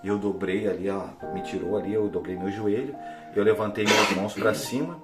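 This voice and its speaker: A man giving an emotional church testimony, dropping to a hush and then rising to near-shouts. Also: fairly low pitch, fairly even intonation, a little fast, music in the background. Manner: fervent, swings from hushed to near-shouting. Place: church hall. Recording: echoey hall with faint instrument.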